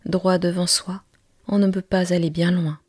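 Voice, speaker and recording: A curious little boy prince from a tiny planet, played by a woman in whispered role-play, his breathy half-whispered voice pitched up high and eager. He asks earnest questions, recorded close and dry with no room around him. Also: flat delivery, normal speed, darkish tone, no room sound. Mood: wistful. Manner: higher, eager childlike questioning.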